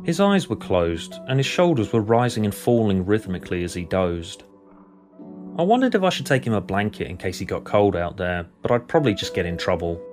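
A man reading a scripted story in a deadpan, matter-of-fact way. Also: on the low side. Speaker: narrator. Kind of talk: scripted narration.

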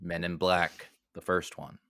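Man, podcast co-host, quizmaster, joking, lowish pitch, bright forceful tone. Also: level tone, a little slow, clean tone, no room sound, clean studio sound. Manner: joking, running a quiz game. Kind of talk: casual comedic podcast banter.

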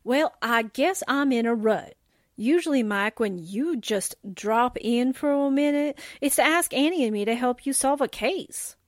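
This is a woman voicing a sardonic, wisecracking newspaperwoman in a 1940s radio drama style, teasing and sassy with slangy exclamations and quips. Her high voice is animated and unhurried. Clean studio sound, no echo.

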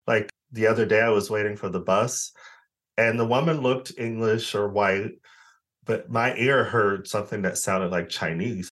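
A man's voice: lowish voice, fairly even intonation, moderate pace, fairly bright tone. An American man with an American accent, conducting a casual, conversational interview. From United States.

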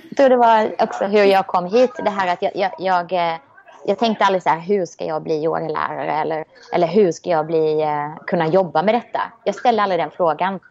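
A woman talking in a relaxed, reflective way, a little hesitant with frequent restarts. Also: fairly low pitch, vocal fry, highs cut off. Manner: reflective and optimistic, many restarts. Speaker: guest. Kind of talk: casual conversation.

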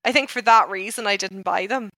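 A Northern Irish woman speaks in casual podcast style, animated and informal. Her voice is bright and sits at a medium pitch. The sound is dry, with very little room. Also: a little fast, dry recording. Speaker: podcast co-host.

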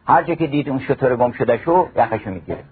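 Husky-voiced man reciting verse over radio. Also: medium pitch, lively intonation. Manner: recites verse in a chanting cadence. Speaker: lecturer on mystical wisdom. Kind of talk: storytelling talk with recited classical poetry. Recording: phone-like narrow radio recording.

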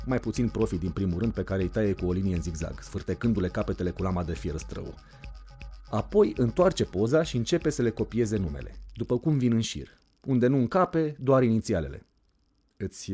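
A man's voice: lowish voice, mellow. A man reading an audiobook in the first person, telling the story expressively. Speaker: narrator.

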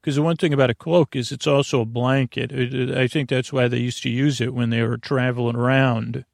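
A man's creaky voice drifts through a halting, meandering monologue full of digressions as he mumbles bedtime stories for a sleep podcast. It's a mid-range voice with little pitch movement, recorded at studio quality with no echo.

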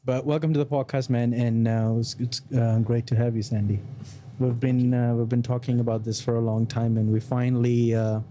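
A man's voice: medium pitch, flat delivery, fairly quick, mellow, slight background noise. A man co-hosting a podcast in casual, joking chat, swearing freely into a studio mic. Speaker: podcast co-host.

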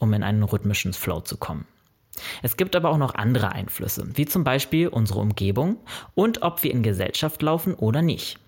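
A man talks straight to the viewer in a scripted explainer, laying out numbered tips in a friendly, informative manner. His voice has a slightly husky grain and sits at an ordinary middle pitch. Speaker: running vlogger.

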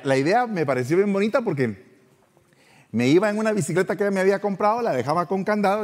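Middle-aged guy spinning a funny story, voice jumps all over, echoey room. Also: fairly high pitch. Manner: animated, playful, acts out voices. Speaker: podcast host. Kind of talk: personal storytelling.

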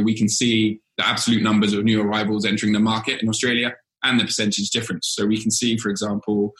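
A man with a fairly low voice explains charts in a steady, methodical way, restarting phrases as he goes. His tone is bright and forceful. The recording sounds echoey, like a bare room. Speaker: senior data scientist presenting a dashboard. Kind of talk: explaining data in a casual work chat.

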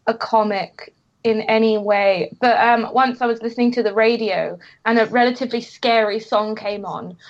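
Woman, giggly chatter, very high voice, muffled lo-fi sound. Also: steady tone, moderate pace. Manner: chatty, giggly, rambling anecdotes. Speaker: comic creator guest. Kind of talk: casual podcast chat.

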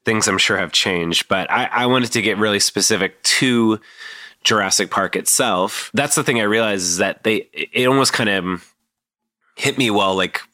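Deep-voiced, bright-toned podcast host. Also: male voice, moderate pace, dry recording, studio quality. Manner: rambling, lots of fillers and restarts. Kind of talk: casual conversational podcast.

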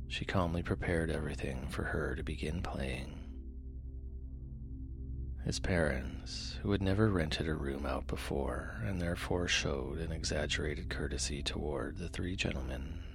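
A man narrating sleep stories in a soft, soothing, hushed manner that often trails into a near-whisper, close to the microphone. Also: measured pace. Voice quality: soft, low, gravelly. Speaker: host and narrator of a sleep story podcast. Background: music.

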